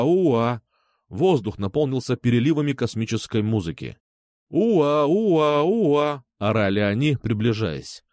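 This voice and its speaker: A man's voice: medium pitch, no room sound. Man reading a gritty thriller expressively. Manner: dramatic, expressive reading with vivid delivery. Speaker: audiobook narrator. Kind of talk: first-person audiobook narration.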